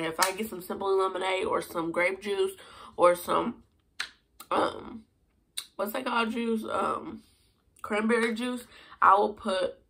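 A young woman with a hoarse voice, chatting casually and rambling in a food review vlog. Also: medium pitch, a bit bright. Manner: chatty, rambling with many fillers. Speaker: vlogger.

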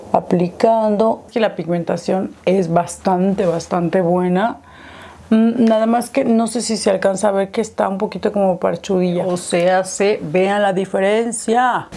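A woman talks through a makeup tutorial in a relaxed, chatty way, narrating each step as she goes. Her voice is mellow and sits at a middle pitch. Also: vocal fry. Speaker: beauty vlogger.

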